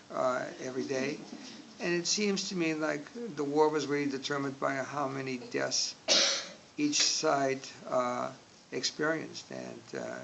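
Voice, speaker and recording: A man in his sixties from Indonesia, speaking slowly in an oral history interview, with frequent pauses and filler words. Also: mid-range voice, creaky. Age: 60s. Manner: slow, hesitant, many filler words. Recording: audible background noise.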